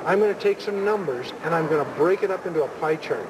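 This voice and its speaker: A man's voice: on the high side, expressive, fast talker. A man hosting an infomercial, giving unscripted sales talk in an insistent, repetitive way. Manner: insistent, repeats himself. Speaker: infomercial host and product pitchman. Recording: clearly noisy background ambience.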